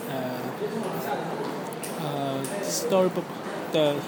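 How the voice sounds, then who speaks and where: A young adult with a Hong Kong accent answering interview questions in halting English, searching for words. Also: mid-range voice, over a noisy crowd, poor audio. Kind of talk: interview answers about personal experience. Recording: loud air-conditioning or traffic-like background noise.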